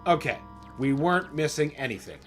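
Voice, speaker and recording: A man's voice: on the high side, expressive, brisk, fairly bright tone, faint music behind. A man hosting a gaming livestream, chatting casually and playfully and laughing often as he plays. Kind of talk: casual gameplay commentary.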